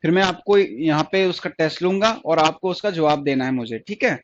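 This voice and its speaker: In a muffled recording, a man speaks a little high and a little fast while leading a stenography course online. He goes over each point more than once and answers his own questions.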